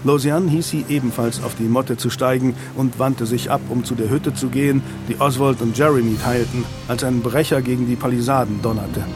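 A man's voice: medium pitch, brisk, hardly any pauses. Man narrating an audiobook over music. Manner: steady storytelling. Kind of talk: scripted narration. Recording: music bed underneath.

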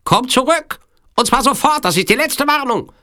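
A man voicing a boastful adult male Sicilian kidnapper in an audiobook, with a shrill, theatrical, taunting delivery. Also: animated, sharp tone, exaggerated voice. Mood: commanding. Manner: taunting, drawn-out threats. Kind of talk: audiobook character voice.

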